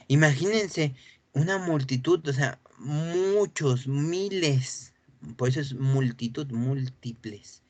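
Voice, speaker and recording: A man preaching a sermon, animated and acting out voices from the scripture reading, who often clears his throat. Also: mid-range voice, dry recording. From Mexico.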